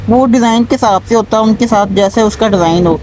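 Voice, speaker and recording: Male showroom pitchman over clear background noise. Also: quick pace, a little mellow, low-quality recording. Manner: repetitive sales-pitch delivery, stressing low prices. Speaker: YouTube channel host. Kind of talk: showroom sales walkthrough.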